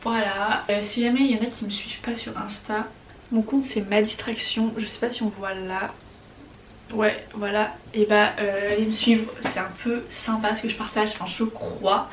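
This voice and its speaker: A woman's voice: medium pitch, moderate pace, far from the mic, slight background noise. Chatty young Frenchwoman in a roomy space. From France. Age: young adult. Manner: chatty and excitable, slangy. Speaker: vlogger. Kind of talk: casual Q&A vlog.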